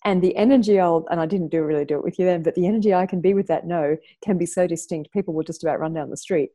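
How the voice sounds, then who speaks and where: A woman's voice: fairly low pitch, racing. A woman, a podcast guest telling an intense story in casual chat. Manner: animated, intense storytelling with laughs.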